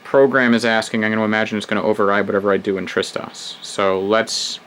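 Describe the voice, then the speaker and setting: Quick and flat in delivery, his lowish voice has a fairly bright tone. The hobbyist host muses out loud over an old program's prompts in a casual walkthrough, peppered with wry asides. Expect a little hiss or hum on a low-quality recording.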